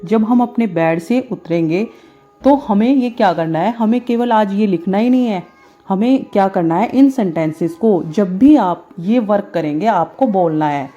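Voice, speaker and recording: Female English teacher, Indian accent, slow and deliberate, warm mellow tone, muffled recording. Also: mid-range voice. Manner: slow, drawn-out model sentences between quicker Hindi explanations. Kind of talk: spoken English lesson in Hindi.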